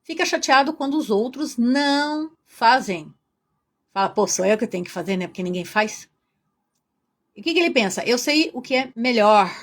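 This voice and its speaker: Chatty Brazilian woman teaching a workshop. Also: a little high. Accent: Brazilian Portuguese. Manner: lively, chatty, addresses the audience directly.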